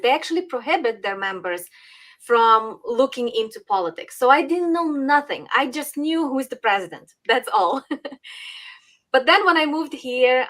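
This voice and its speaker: A podcast guest from Western Ukraine, whose first language is Ukrainian, talks in a casual interview. Her voice is slightly high and fairly bright, and she comes across as earnest, with frequent ums and little laughs.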